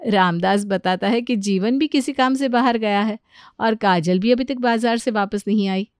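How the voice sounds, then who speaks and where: Woman narrator, calm storybook read, dry close sound. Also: mid-range voice, normal speed, smooth, no room sound. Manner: even, storytelling delivery.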